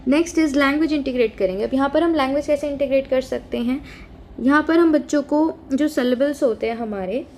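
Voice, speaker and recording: A woman's voice: high voice, fairly quick, a little mellow, a little hiss or hum. A woman with an Indian accent explaining a lesson plan step by step, switching between Hindi and English. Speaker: teacher trainer.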